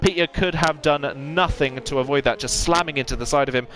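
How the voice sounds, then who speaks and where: A man's voice: on the high side, fairly quick, fairly bright tone. A man giving fluent, detailed live play-by-play commentary as an esports sim racing commentator.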